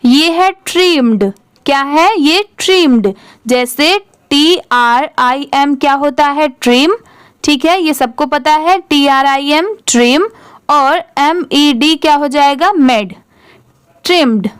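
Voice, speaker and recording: Clean studio sound with no room noise captures a woman's high-pitched, unhurried voice as she teaches English reading. She spells words letter by letter, poses the question of how each is read, and answers by blending them herself.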